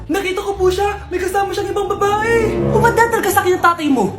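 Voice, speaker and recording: Very high-pitched, melodramatic cartoonish skit characters. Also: female voice, quick pace. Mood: outraged. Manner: melodramatic, exclaiming. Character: excitable high-voiced characters in family squabble skits. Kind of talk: exaggerated comedy skit dubbing. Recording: echoey, music behind the voice.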